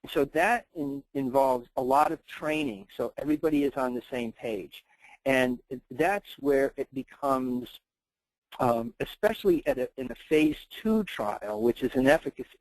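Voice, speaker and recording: A man's voice: mid-range voice, moderate pace, no room sound, low-quality recording. A man answering audience questions about clinical trials in a webinar, explaining at length with frequent fillers and restarts. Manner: hesitant, many fillers and restarts.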